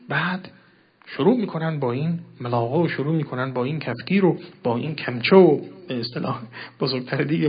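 Husky male preacher, dull lo-fi recording. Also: medium pitch. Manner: chants Arabic phrases slowly and loudly, then explains softly. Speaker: cleric teaching a sermon. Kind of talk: sermon explaining a classical Arabic text in Persian.

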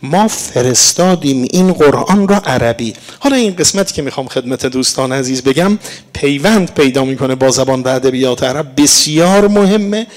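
Preaching in an explanatory, teaching style, a man with an expressive, medium-pitched voice addresses his listeners as dear ones. He recites verse and Arabic throughout the sermon.

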